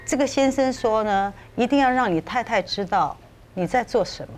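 A woman, co-hosting a podcast and telling a ghost story in an animated, conversational way. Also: a little high, normal speed, slight background noise. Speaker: podcast co-host.

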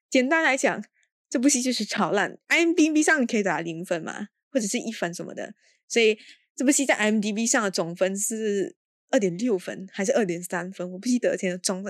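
A woman's voice: mid-range voice, no room sound, studio quality. A woman hosting a casual film review podcast. She talks in an exasperated, sarcastic way and drops in English exclamations. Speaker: podcast host.

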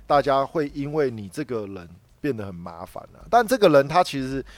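A man with a Taiwanese Mandarin accent chats on a podcast at a mid-range pitch. He rambles and repeats his words as he talks, and the recording is dry and close. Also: sing-song, fairly quick, no echo. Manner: rambling, repeats words while telling a work story. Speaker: podcast co-host. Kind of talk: casual chat.

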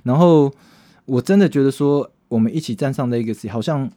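A man's voice: mid-range voice, brisk. A man with a Taiwanese Mandarin accent, a band singer co-hosting a podcast, telling a story in casual chat and acting out the dialogue. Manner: animated storyteller, acts out dialogue, swears casually.

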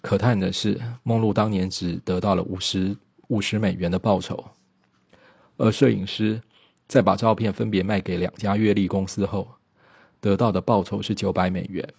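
A man narrating a biographical documentary in a steady storytelling manner, with occasional small slips. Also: deep voice, normal speed, creaky, slightly rough, dry recording.

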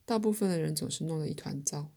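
Woman doing a calm spirit guide in an audiobook, gently reassuring, low and a bit gravelly. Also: quick pace.

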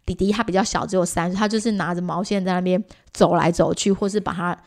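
A woman's voice: on the low side, steady tone, quick pace, darkish tone. A woman with a Taiwanese Mandarin accent, chatting casually as a co-host and explaining things through examples. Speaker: podcast co-host, parent. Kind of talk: casual conversational chat.

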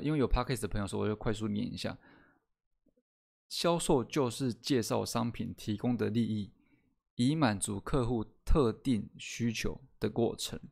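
A man hosting a podcast lesson, explaining step by step, often asking "right?" and slowing down to stress key words. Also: mid-range voice, gravelly, a little mellow. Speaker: host teaching sales skills. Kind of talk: solo podcast lesson with slides.

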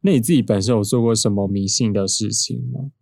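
A man's voice: lowish voice, fairly quick, vocal fry, music in the background. A young man with a Taiwanese Mandarin accent, co-hosting a podcast and telling stories in a casual, teasing way. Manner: storytelling, animated and teasing. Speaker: podcast co-host. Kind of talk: casual chat.

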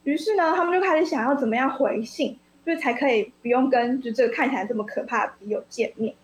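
A woman reading a children's story aloud on the radio, expressive and lively, then discussing it as a guest. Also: sits high, fast, roomy sound, slight background noise, low-quality recording. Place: radio studio.

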